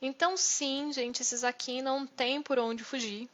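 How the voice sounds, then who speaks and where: A woman's voice: high-pitched, fairly even intonation, a little slow, a bit bright. A woman with a Brazilian Portuguese accent teaching German in a live online lesson, explaining step by step and checking in with "né?" and "ok?". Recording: dull lo-fi sound.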